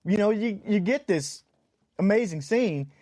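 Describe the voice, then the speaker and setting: A man's voice: sits high, lively intonation, measured pace, warm tone, no room sound, studio quality. A man co-hosting a podcast in casual chat, earnest and prone to repeating words as he builds a point. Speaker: podcast co-host.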